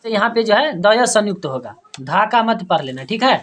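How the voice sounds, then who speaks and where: A woman teacher explaining word meanings and spelling out words slowly, syllable by syllable, with frequent checking questions. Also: mid-range voice, animated, a little hiss or hum. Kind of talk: classroom lesson.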